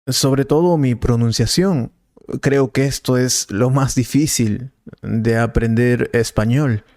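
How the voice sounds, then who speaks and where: Eager young male student, read by a man, pleading tone, a bit higher voice, scripted lesson dialogue, dry sound. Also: slow, a little mellow, no room sound.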